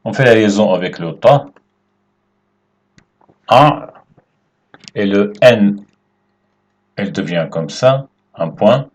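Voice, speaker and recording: A man teaching Arabic letters at a whiteboard, explaining slowly and patiently and checking in with his students often. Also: lowish voice, expressive. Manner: slow and patient, checks in with "d'accord?". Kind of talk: whiteboard language lesson.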